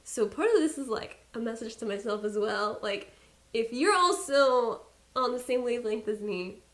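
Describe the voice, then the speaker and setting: A woman's voice: fairly high pitch, animated, normal speed. A young woman beauty vlogger chatting casually to her viewers, candid and playful with self-mocking asides. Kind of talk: casual chat to camera.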